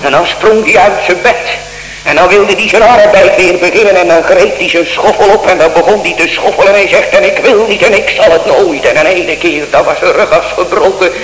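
A man's voice: high voice, fairly quick, fairly bright tone. A man preaching a solemn sermon in a church, impassioned, with sudden emphatic rises in his voice. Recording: echoey church hall, faint hum.

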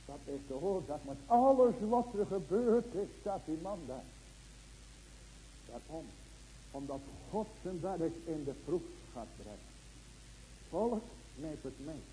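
A man preaching a sermon, asking emphatic rhetorical questions and swinging from loud, urgent lines to hushed ones. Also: fairly high pitch, animated, unhurried, slight background noise, rough recording.

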